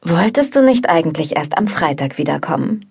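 Woman doing a young man, easygoing, bossy, low, husky, audiobook. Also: big pitch swings, brisk, darkish tone, full character voice. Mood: relaxed. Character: young man, laid-back, confident flatmate and lover. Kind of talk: audiobook dialogue.

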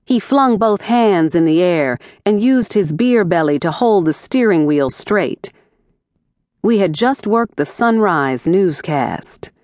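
A woman reads a first-person mystery audiobook with a wry, lively delivery, her fairly low voice moving through wide pitch swings. She takes her time, unhurried and deliberate, and the studio sound is close and dry with no room. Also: no room sound. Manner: wry, animated storytelling. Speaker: audiobook narrator. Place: recording studio.

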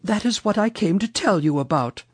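A reader voicing Mother Goose, a kindly old storybook lady with a dramatic, drawn-out way of exclaiming. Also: mid-range voice, expressive, breathy edge, no room sound, studio quality, pitched above the performer's own voice. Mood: kindly, helpful.

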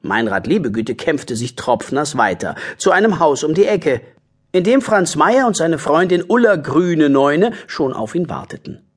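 A man narrating a children's audiobook in an expressive, storytelling way. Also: a little high, measured pace, husky.

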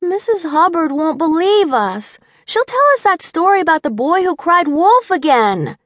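A woman's voice: very animated, moderate pace, no room sound, clean studio sound. Woman voicing a gallant six-year-old boy knight. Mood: mournful. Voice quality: high childish.

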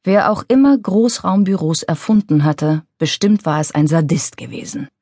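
Low-voiced woman narrating an audiobook. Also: lively intonation, moderate pace, warm tone, no echo, studio quality.

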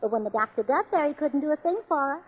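An actress plays the comic lead in a 1940s radio comedy, a cheerful, scatterbrained young wife with a bubbly, illogical manner. Her high voice is chirpy and fast-talking, bubbly yet deadpan about her own nonsense. The old radio recording sounds slightly dull.

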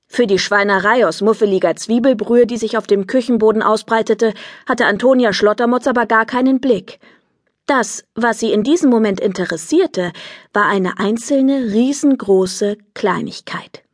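Female narrator, lively kids' audiobook read, dry booth sound. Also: medium pitch, no room sound. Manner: lively, expressive storytelling. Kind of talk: scripted narration of a children's book.

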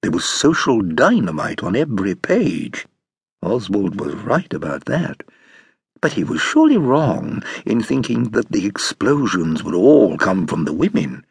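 Here a performer reads as a polished nephew fondly amused by his uncle, in a showy British audiobook manner that lingers over each phrase. The voice sits lowish, creaky and husky, rising and falling in a sing-song way, heavily acted, and captured in a dry recording.

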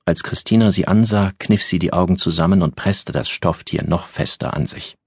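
A man narrates an audiobook in a calm, measured way, with a very deep and husky voice. The sound is close and completely dry, with no room around it. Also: no room sound.

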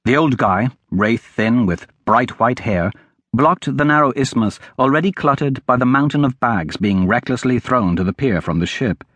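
A man's voice: mid-range voice, lively intonation, normal speed, a bit bright, slightly rough, no room sound. A man reading a fantasy novel aloud as an audiobook narrator, telling the story expressively.

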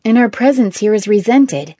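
A woman narrator voicing an anxious, fussy man who grumbles and complains nervously in a raised, higher voice. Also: expressive, measured pace, warm tone, no room sound, clean studio sound. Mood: worried.

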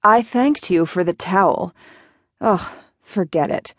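A woman's voice: fairly low pitch, slow, dry recording, clean studio sound. A woman voicing a prickly, aloof young woman in an audiobook, curt and haughty. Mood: cool.

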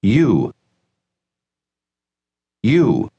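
A man modeling pronunciation for a language course, speaking slowly and deliberately, syllable by syllable. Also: on the low side, wildly swooping pitch, mellow, breathy edge, lo-fi sound. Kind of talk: slow, careful pronunciation drills.

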